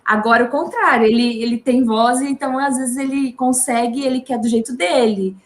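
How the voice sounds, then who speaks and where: A Brazilian woman, a mother, talking in a casual interview with halting speech and many restarts. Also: on the high side, fairly even intonation, reverberant. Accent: Brazilian Portuguese. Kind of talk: casual video call interview. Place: home.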